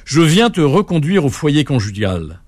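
A man's voice: a little high, very animated, a little slow, a little mellow. A man voicing a kindly, bustling mother hen who boasts of her eggs and chicks in a spoken folk tale. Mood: proud. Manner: proud, fussy and reassuring.

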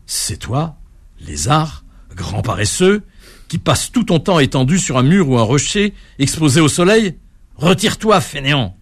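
A man doing a shrill, scornful frog wife. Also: animated, takes it slowly. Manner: shrill indignant scolding. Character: haughty proud female frog, scolding.

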